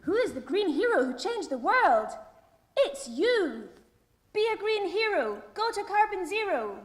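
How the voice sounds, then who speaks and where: A woman's voice: extremely high pitch, very animated, a little slow, soft background music. A woman announcing an advertisement in a cheery, exclamatory voice. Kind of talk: upbeat advertising voice.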